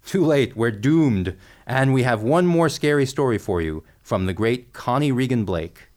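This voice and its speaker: A man's voice: medium pitch, expressive, a little slow, darkish tone. A man co-hosts a podcast and presents the next segment. His delivery is friendly and scripted, with light jokes mixed in. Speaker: podcast co-host.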